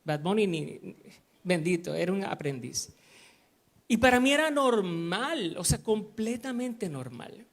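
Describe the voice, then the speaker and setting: High-voiced Puerto Rican preacher. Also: male voice, big pitch swings, unhurried, creaky. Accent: Puerto Rican Spanish. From Puerto Rico. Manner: storytelling, swings from hushed to loud. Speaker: pastor. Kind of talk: sermon.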